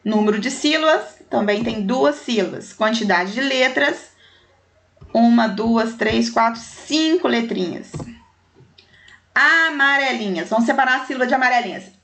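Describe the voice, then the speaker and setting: A woman's voice: fairly high pitch, animated, unhurried, vocal fry, a bit bright. A woman teacher, taking young pupils through a primary school language exercise and counting syllables and letters aloud with affectionate diminutives.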